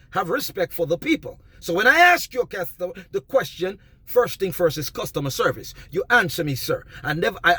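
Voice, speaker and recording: A man giving an emphatic, preachy monologue of advice, often rising almost to a shout. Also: high voice, slightly rough, no echo. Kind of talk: passionate monologue.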